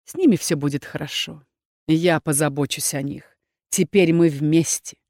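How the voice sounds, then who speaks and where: A woman reading an audiobook and voicing a calm female magical reflection that speaks in a low, quiet, soothing way. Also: moderate pace, no echo, studio quality. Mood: soothing, protective.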